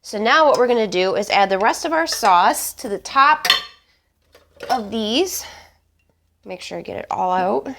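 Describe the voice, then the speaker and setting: A woman's voice: medium pitch, animated, measured pace, pauses often, a bit bright, slight background noise. A woman hosting a casual home recipe demonstration, chatty and emphatic, her voice congested and honking as she gets over bronchitis. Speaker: cooking show host.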